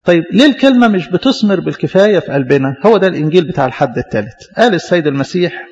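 Fast-talking Egyptian priest preaching in a hall. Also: male voice, a little high. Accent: Egyptian Arabic. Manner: conversational preaching, quoting scripture in a lively retelling. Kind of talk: sermon. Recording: muffled sound with long hall reverb.

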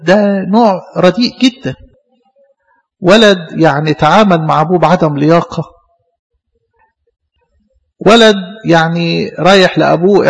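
A man with an Egyptian accent preaches to his congregation, a priest who talks fast and chats as he goes. He acts out short exchanges between people as part of the sermon. His voice sits a little high and husky, carried on a long church reverb. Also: highs cut off. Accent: Egyptian Arabic. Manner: conversational preaching, acts out dialogues.

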